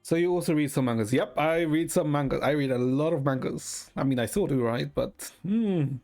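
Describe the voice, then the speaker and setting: This Ecuadorian livestreamer talks to his viewers at normal speed in a slightly high, darkish voice. He's loose and rambling, swearing freely, with music playing behind him.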